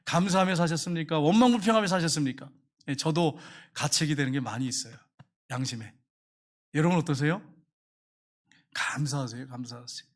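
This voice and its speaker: Fast-talking, high-voiced male pastor. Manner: emphatic, repeats key phrases. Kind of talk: sermon.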